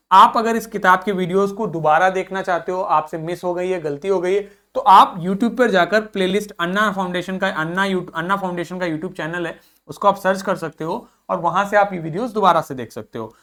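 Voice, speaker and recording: A young man teaching a video lesson to school students in a friendly way, drilling pronunciation slowly and repeating each word several times. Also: high voice, bright, forceful tone. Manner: friendly, addresses students as children.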